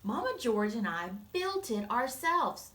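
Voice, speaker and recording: A woman's voice: a little high, sing-song, a little slow, fairly bright tone, echoey room. A woman voicing a cheerful, friendly young boy proudly showing off his home in a storybook reading.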